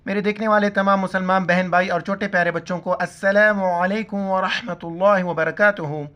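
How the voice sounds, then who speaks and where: Male Quran teacher, high and smooth voice, slow chanted recitation set against brisk explaining. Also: fairly even intonation, pushed and bright. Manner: drawn-out chanted recitation between quick explanations; spells out letters and vowel marks syllable by syllable. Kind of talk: pronunciation lesson with recitation.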